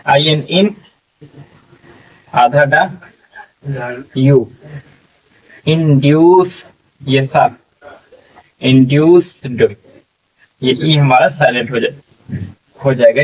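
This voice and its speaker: Male tutor, unhurried spelling drill, heard from a distance on a dull lo-fi mic. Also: medium pitch. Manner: slow, drawn-out syllable-by-syllable sounding out; frequent "theek hai" check-ins. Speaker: English teacher. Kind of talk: spelling lesson, sounding out words letter by letter.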